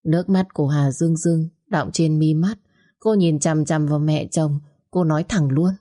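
A woman narrating a scripted story in a steady, even voice. Her voice is low and mellow. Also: normal speed.

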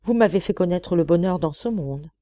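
Woman voicing an earnest young woman in a storybook, self-sacrificing, pleading, mellow warm tone, close dry sound. She speaks with quiet resolve. The voice stays soft and dark. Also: on the low side, lively intonation, a little fast, no echo, highs cut off, lightly acted. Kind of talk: audiobook character reading.

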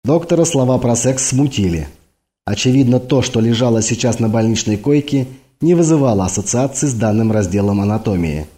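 A man's voice: medium pitch, lively intonation, brisk, warm tone. A man reading a novel aloud as an audiobook, narrating in an ironic tone. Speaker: audiobook reader. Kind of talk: scripted narration.

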